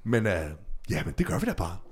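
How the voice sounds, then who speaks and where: A young man with a Danish accent, co-hosting a podcast, telling stories in a lively, swearing way and acting out voices. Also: fairly low pitch, breathy edge. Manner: animated, swearing, acts out voices in English. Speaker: podcast co-host. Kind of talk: casual storytelling chat.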